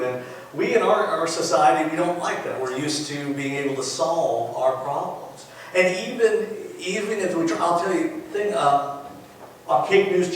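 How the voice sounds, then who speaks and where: Pastor guy preaching, acts out the story, booming echo, sounds distant. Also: slight background noise. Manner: animated storyteller, acts out phone calls. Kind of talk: sermon. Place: church sanctuary. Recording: echoey church from a distant mic.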